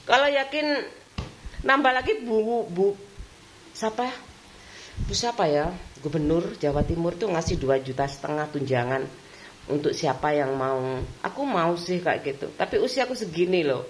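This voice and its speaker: A woman's voice: on the low side, animated, moderate pace, long pauses, a little hiss or hum, poor audio. A middle-aged woman, chatting casually in a home vlog, acting out bits of conversation with frequent laughs. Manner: chatty, acts out quoted talk, often laughs, repeats filler tag. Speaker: vlogger.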